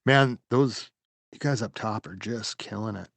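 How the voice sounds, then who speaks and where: A man co-hosting a gaming podcast, chatting casually and trailing off as he rambles through shout-outs. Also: lowish voice, a little slow, vocal fry, dry recording. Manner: relaxed, rambling, trails off softly. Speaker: podcast co-host. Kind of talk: casual chat.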